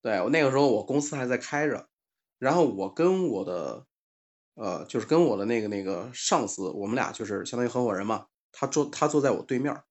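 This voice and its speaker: A man's voice: mid-range voice, animated, brisk, a little mellow, highs cut off. A man in a casual panel chat, telling a personal story and acting out the dialogue, with plenty of fillers and restarts.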